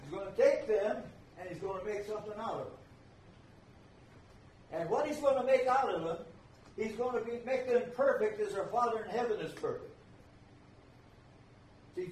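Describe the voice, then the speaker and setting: Older guy preaching, high voice, real echoey and distant from the mic. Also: fairly quick, long pauses, a little mellow, a little hiss or hum. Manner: emphatic, repeats key phrases. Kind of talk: sermon. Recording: echoey room, voice from far off.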